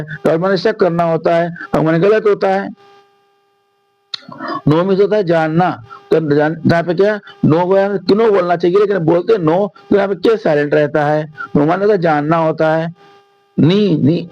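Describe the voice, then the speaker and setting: Indian english teacher guy, hindi accent, reads english slow then explains, dry close sound, faint music. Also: high-pitched, creaky, dry recording, dull audio. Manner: explains in Hindi, reading English lines slowly. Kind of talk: classroom lesson explanation.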